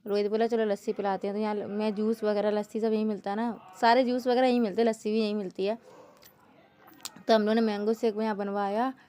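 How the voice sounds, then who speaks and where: A woman's voice: mid-range voice, level tone, fast talker, warm tone, smooth. A young woman from northern India narrating her family vlog in a chatty way, laughing often and talking straight to the viewers. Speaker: family vlogger.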